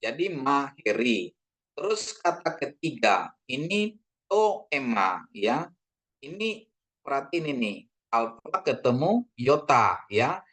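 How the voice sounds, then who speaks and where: A man from Indonesia teaching a casual Greek language lesson, slowly drawing out words for learners and addressing them politely, with many fillers. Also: mid-range voice. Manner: drawn-out repetition of words, frequent fillers; addresses listeners as ladies and gentlemen.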